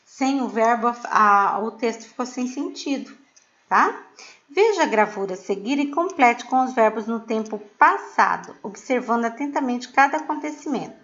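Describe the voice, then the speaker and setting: A woman's voice: fairly high pitch, expressive, normal speed, fairly bright tone, dull audio. A middle-aged woman teacher explaining a lesson to her pupils patiently, checking in often to see that they follow. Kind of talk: recorded remote class lesson.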